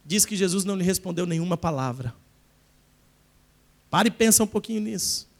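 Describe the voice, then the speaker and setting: A man preaching a sermon in church, his voice sitting unusually high. He leads the congregation in call-and-response and rises to shouting at the peaks. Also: lively intonation, a little fast, creaky. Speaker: pastor.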